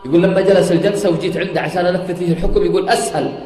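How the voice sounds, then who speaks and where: High, fast man telling a sermon story. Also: fairly even intonation. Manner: retells an eyewitness account, swearing oaths, rising to near-singing emphasis. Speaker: preacher. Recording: echoey hall with faint music.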